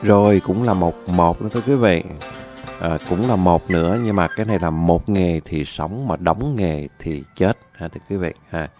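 A radio storyteller with a low voice tells folk tales at a moderate pace, chatting with and addressing his listeners directly while music plays in the background.

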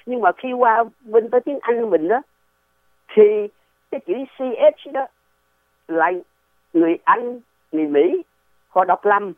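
A man talks through history in a loose, wandering way and keeps throwing rhetorical questions at the listener. His pitch rises and falls a lot, and it sits a little high for a man. He comes through a dry, tinny phone line. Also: lively intonation, measured pace, pauses often, no echo. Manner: rambling, digressive, rhetorical questions. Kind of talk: casual explanatory talk.

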